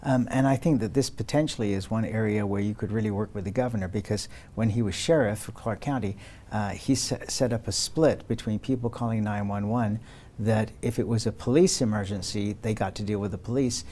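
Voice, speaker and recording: A man's voice: lowish voice, a little fast, dark tone, slight background noise. A man hosting a political broadcast interview, putting questions and points to a guest. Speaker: political interview show host.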